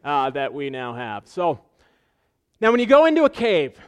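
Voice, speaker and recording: Man, pastor, sermon, fairly high voice, earnest, repeats for emphasis. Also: wildly swooping pitch, moderate pace, clean tone. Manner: earnest, repeats phrases for emphasis, rhetorical questions.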